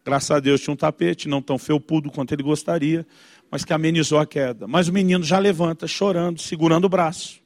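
Animated storytelling man, fairly high voice. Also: quick pace. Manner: animated, acts out voices of his inner self. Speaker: pastor. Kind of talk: storytelling sermon.

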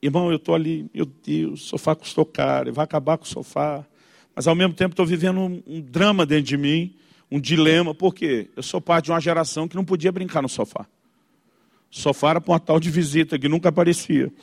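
A man's voice: fairly high pitch, quick pace. A man, preaching as a pastor and telling a family story, acting out the voices in it. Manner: animated, acts out voices of his inner self. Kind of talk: storytelling sermon.

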